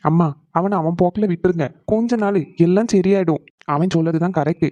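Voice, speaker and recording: A man's voice: sits high, warm tone, no echo, natural voice. A man voicing a grown son in a cartoon, earnestly coaxing his mother. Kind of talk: animated cartoon voice acting.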